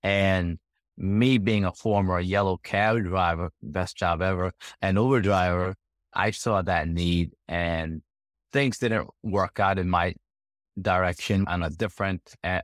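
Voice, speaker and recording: A man from Guyana answering interview questions as a guest entrepreneur, relaxed and easygoing. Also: deep voice, takes it slowly, no echo, clean studio sound. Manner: relaxed, repeats "right?" and laughs easily.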